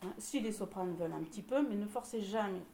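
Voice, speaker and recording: A woman's voice: mid-range voice, fast, warm tone, reverberant, slight background noise. A woman leading a choir rehearsal, encouraging the singers and explaining vocal exercises, sometimes singing examples. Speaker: choir director.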